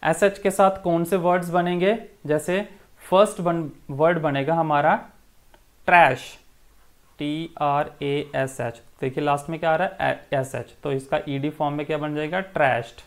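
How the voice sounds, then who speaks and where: A man teaching an English textbook lesson, explaining in Hindi and reading the English words slowly, one at a time. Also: on the high side, steady tone.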